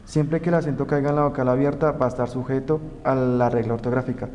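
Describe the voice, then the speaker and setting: A man's voice: medium pitch, flat delivery, muffled recording. Young man, student presenter, careful reading of grammar rules, lingering room reverb, faint hiss. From Colombia. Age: young adult. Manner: slow, careful reading of rules and example words. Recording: roomy reverb, faint background noise.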